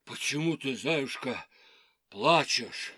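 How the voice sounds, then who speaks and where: Storybook bear, old and heavy, rumbling low, voiced by a woman narrator. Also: expressive, fairly bright tone, slightly rough, full character voice. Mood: growling. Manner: low, slow, growling.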